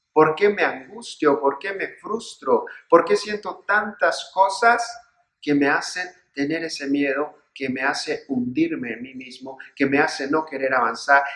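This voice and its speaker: A man's voice: on the high side, bright, forceful tone. A man speaking as a priest in a sermon-style reflection, earnest and building his points through repeated phrases and rhetorical questions. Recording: echoey room.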